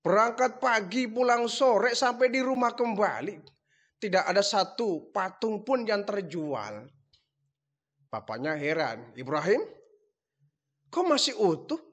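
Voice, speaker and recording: A male preacher delivering a sermon as a dramatic story, switching easily between narration and acted lines. His voice sits high and moves with lively energy. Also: measured pace.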